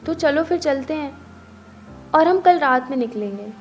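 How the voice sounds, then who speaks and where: A woman's voice: high-pitched, lively intonation, normal speed, faint music behind. A woman voicing a kind talking bird. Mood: encouraging. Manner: encouraging, soothing.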